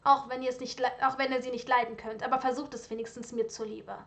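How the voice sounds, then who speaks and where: A woman's voice: fairly high pitch, little pitch movement, quick pace, fairly bright tone. A woman voicing a proud young aristocratic son, firm and insistent, in a storybook reading.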